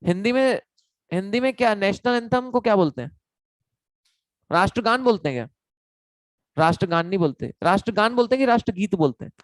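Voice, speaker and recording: A man, quite high-pitched, teaches an online class and chats and jokes with his students between points. The sound is dry and close, with no room around it. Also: lively intonation, fairly quick, long pauses, no echo, low-quality recording. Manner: chatty, joking, addresses students as kids. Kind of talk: casual online lecture.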